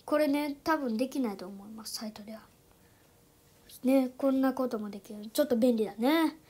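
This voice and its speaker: A chatty woman with a high, light voice walks viewers through a phone app in a casual tutorial. She fills her talk with little fillers and often drops into soft, near-whispered asides. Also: a little fast, breathy edge. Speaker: YouTube channel host.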